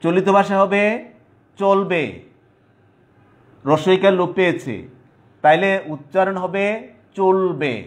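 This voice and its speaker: A man teaching a grammar lesson online, his voice sitting a little high for a man. He dictates slowly, breaking phrases into single words and repeating them so students can follow along at the board. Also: steady tone. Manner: slow, repetitive dictation, spelling out terms piece by piece.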